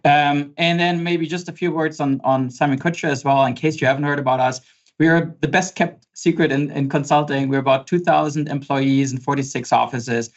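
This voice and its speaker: A man's voice: a little high, steady tone, a little fast. German-accented guy in his 40s doing a webinar from his office, lots of uhs and ums, kinda dull lo-fi sound. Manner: conversational, many fillers and repeated words. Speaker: pricing consultant presenting a webinar. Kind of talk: webinar presentation. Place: home office. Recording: slightly dull lo-fi audio.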